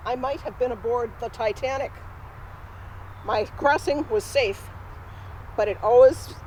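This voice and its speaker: A woman's voice: on the high side, darkish tone, slight background noise, natural voice, poor audio. A woman in costume playing a spirited, independent Norwegian immigrant woman, telling her story in first person straight to a live audience outdoors. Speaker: costumed re-enactor. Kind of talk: first-person historical re-enactment. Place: outdoors at a cemetery.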